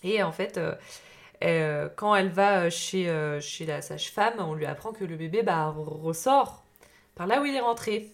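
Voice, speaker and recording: A woman's voice: fairly low pitch, normal speed. Chatty young woman. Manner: chatty, laughs easily, many fillers. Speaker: podcast co-host. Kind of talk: casual chat.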